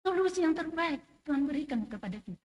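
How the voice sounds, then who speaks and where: Middle-aged woman, high-pitched, emotional church testimony. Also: animated, quick pace, dull audio. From Indonesia. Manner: emotional, emphatic, rising and falling loudness. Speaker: church member giving testimony. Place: church sanctuary.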